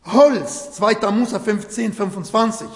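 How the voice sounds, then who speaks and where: A man whose native language is Arabic preaches a sermon in German, earnest and emphatic, with grammatical slips. His voice is high and his pace measured, recorded in an echoey hall with long reverb.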